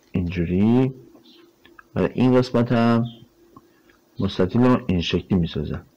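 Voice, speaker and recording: A man gives a recorded math lecture in a fairly low voice. He talks in a relaxed, conversational way, working through the problem step by step and answering his own rhetorical questions with frequent fillers. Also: lo-fi sound. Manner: explains step by step while drawing on a board. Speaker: math teacher.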